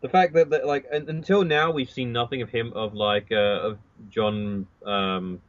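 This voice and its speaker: A man's voice: mid-range voice, fairly even intonation, unhurried, no room sound. A man co-hosting a casual podcast, hesitant and full of ums and likes. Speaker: podcast co-host. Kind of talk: casual chat. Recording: dry, dull lo-fi audio.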